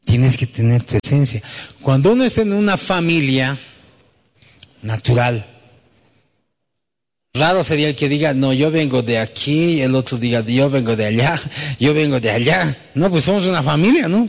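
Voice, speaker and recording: Speaking at a medium pitch and a normal speed, this pastor sounds expressive and leaves long pauses. His sermon to the congregation is conversational, with thoughts frequently ending on a questioning tag, all heard through long hall reverb.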